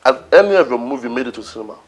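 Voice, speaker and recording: A man with a Nigerian accent hosting a sarcastic roast interview, asking provoking questions in a deadpan way. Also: mid-range voice, very fast. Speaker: interview host.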